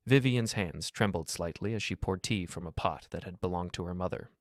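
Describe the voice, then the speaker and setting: A man reading a scripted story as narrator, in an even, measured delivery. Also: low-pitched, no room sound, clean studio sound.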